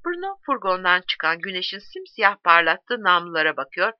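A woman reading a novel aloud in a measured, expressive way. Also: fairly low pitch, no echo, highs cut off. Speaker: audiobook reader.

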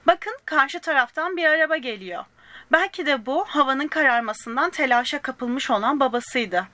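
A woman reads a children's storybook aloud gently, addressing young listeners directly and giving the characters little voices. Her voice sits high and is expressive, her pace is moderate, and there is no room sound.

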